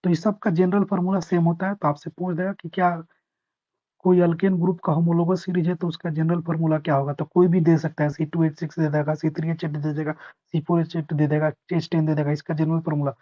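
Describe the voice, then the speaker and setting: A man teaching a chemistry revision class. He explains patiently, repeats key points, reads English definitions slowly and asks his students whether they understood. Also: on the high side, flat delivery, dark tone. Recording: dull lo-fi recording.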